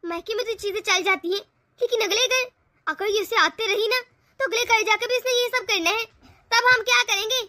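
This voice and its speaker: A woman's voice: very high-pitched, normal speed, pushed and bright. A woman voicing a stubborn older mother-in-law who nags and scolds in a stern way, in a homemade family drama. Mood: scolding. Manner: nagging, stern.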